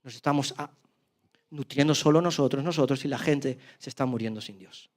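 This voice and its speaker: A pastor from preaching a sermon, telling a story dramatically in a voice that swings between loud and soft. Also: male voice, mid-range voice, brisk. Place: church.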